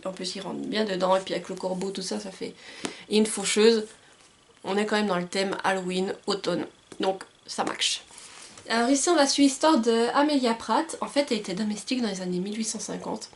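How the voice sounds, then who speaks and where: Young woman, gravelly voice, chatty book vlog, hesitant with fillers, faint background hiss. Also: medium pitch. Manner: chatty, hesitant, frequent fillers and self-corrections. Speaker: book vlogger. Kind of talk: casual book recommendations to camera. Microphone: camcorder microphone.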